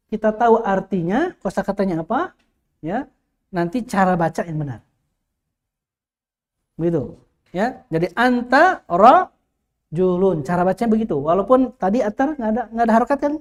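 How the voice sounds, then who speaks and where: A man's voice: very high-pitched, a little mellow. Male teacher quizzing a class. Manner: quizzing, rhetorical questions, repeats key words. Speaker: Quran Arabic teacher. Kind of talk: classroom lesson with questions to students.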